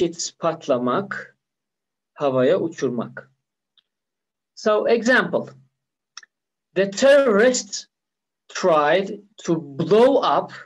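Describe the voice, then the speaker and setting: A man's voice: high-pitched, a little mellow, low-quality recording. A man from Iran with a Persian accent teaching a live online English lesson, patiently repeating key words.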